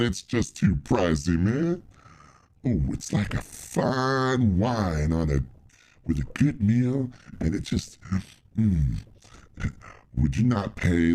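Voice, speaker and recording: A man using a deep pitch-shifted crooner voice. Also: warm tone, exaggerated voice. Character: smooth crooning male lover voice "Ray Saul". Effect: deep pitch-shifted voice filter. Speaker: host.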